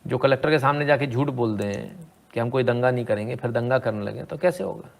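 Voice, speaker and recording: A man's voice: mid-range voice, brisk, creaky. A man commenting on debate clips in a sarcastic, rhetorical way, often asking the listener "hmm?". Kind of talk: opinionated video commentary.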